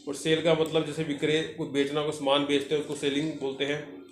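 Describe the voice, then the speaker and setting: A male vocational teacher explains a textbook lesson, reading English lines slowly and then explaining them. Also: a little high, level tone. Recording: echoey room with faint noise.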